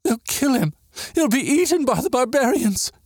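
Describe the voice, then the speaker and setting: A man voicing a distraught young woman who weeps with a high, strained voice. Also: very animated, moderate pace, no echo, clean studio sound, exaggerated voice. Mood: despairing.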